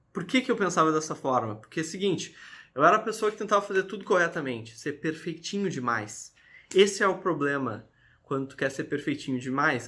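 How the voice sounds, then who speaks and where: A man in his early 20s talks to camera in a casual, confessional way about his faith, his voice a little high with a sharp tone. He's earnest and preachy, addressing viewers directly and tacking on "tá?" again and again.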